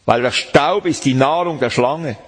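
A man preaching a sermon, slow and emphatic, asking the listeners questions. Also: mid-range voice, slightly rough. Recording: long hall reverb.

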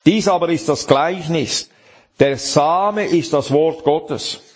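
A man's voice: fairly high pitch, takes it slowly, breathy edge. A man preaching a sermon, emphatic and addressing the listener directly, reading and explaining scripture.

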